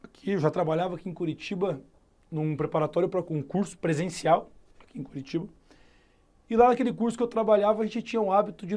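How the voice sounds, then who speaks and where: A middle-aged Brazilian man teaching logic in a recorded video lesson, telling a story and working through the problem step by step. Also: high-pitched. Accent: Brazilian Portuguese. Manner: storytelling, animated, thinks aloud step by step. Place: Curitiba, Brazil.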